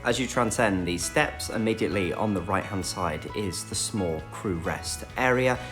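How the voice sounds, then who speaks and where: A man's voice: deep voice, normal speed, over music. A man narrating a scripted tour as a travel vlog host.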